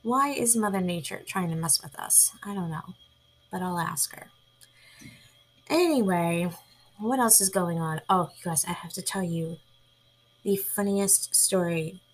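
A woman hosting a casual chat podcast, talking chattily and with animation, sometimes dropping into hushed whispered asides. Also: fairly low pitch, a little slow, pauses often, low-quality recording. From New York. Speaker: podcast host.

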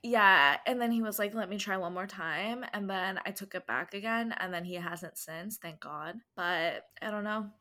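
A woman's voice: mid-range voice, moderate pace, few pauses, sharp tone. A woman in her late twenties, co-hosting a podcast and telling a story in casual chat with lots of "like". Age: 20s. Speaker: podcast co-host.

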